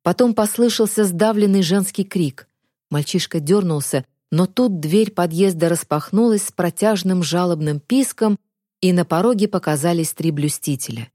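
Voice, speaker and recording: Woman, audiobook narration, dark mellow tone, calm even delivery, dry close sound. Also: on the low side, no room sound. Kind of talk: scripted narration.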